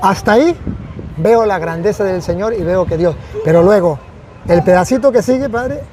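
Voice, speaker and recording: A man's voice: high voice, normal speed, background noise. A man, a priest, speaking earnestly and reflectively in a conversational testimony, often repeating phrases for emphasis.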